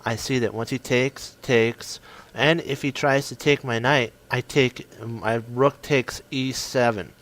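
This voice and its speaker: An excitable man talks through a chess game he won, in short punchy bursts. His voice sits at an ordinary mid pitch. He often stumbles and corrects himself as he goes. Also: slow pace. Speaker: chess commentator. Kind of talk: casual game commentary.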